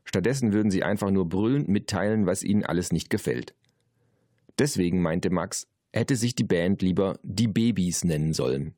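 Ein Mann liest ein Kinderhörbuch vor, lebendig erzählend und trocken pointiert. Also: male voice, low voice, normal speed, mellow, dry recording, clean studio sound. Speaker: Hörbuchsprecher. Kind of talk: Hörbuchlesung.

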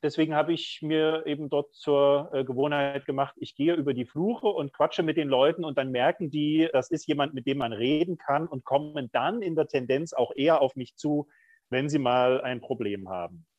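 A man's voice: fairly high pitch, moderate pace, a little mellow, no room sound, muffled recording. A middle-aged man, a prison chaplain, speaking candidly and thoughtfully in an interview, with frequent hesitations. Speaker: prison chaplain, podcast guest. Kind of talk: reflective conversational interview.

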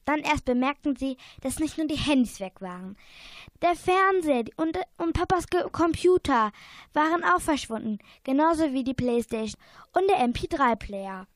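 A woman's voice: high-pitched, moderate pace, no echo. Young woman narrating a radio play. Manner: plain, steady reading with small slips. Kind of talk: reading a youth radio play.

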